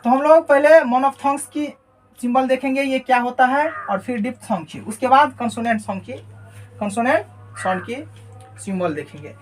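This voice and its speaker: Female teacher with a fairly high voice, lecturing at a board; repetitive, quizzing style with constant check-ins. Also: fairly quick. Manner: repeats key words and asks questions she answers herself; often adds a checking "right?" tag. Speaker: English teacher. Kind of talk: classroom lesson explaining phonetics. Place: teaching at a board she writes on and erases.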